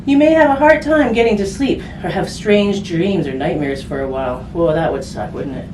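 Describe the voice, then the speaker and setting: A hospice volunteer with a low, darkish voice reads a picture book to children at a moderate pace. She reads conversationally, with simple child-friendly phrasing, tag questions and casual asides. The recording sounds roomy and distant, with background noise.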